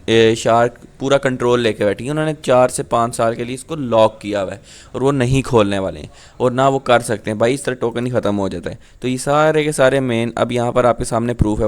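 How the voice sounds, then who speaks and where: A man's voice: mid-range voice, clean tone. A man, talking casually to viewers through a screen-share explainer and often checking in with "thik hai". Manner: casual, explanatory, repeats "ठीक है". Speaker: crypto YouTuber.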